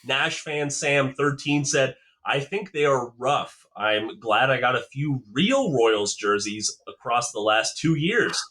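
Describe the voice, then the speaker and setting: Young man, podcast host, upbeat casual chat, quick reactions, medium pitch. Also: expressive, pushed and bright. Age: young adult.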